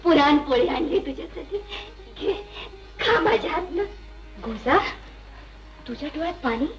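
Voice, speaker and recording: A woman's voice: sits high, animated, normal speed. An actress playing a poor village woman who weeps and pleads, in an old film drama. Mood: tender, tearful. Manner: weeping, pleading. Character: poor village woman, tender then fierce. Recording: old film soundtrack with music.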